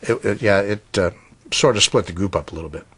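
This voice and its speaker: A man's voice: on the low side, fairly quick, a bit bright, breathy edge. Hesitant older man reminiscing. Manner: hesitant, reflective, with fillers and restarts. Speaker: interviewee. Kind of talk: documentary interview.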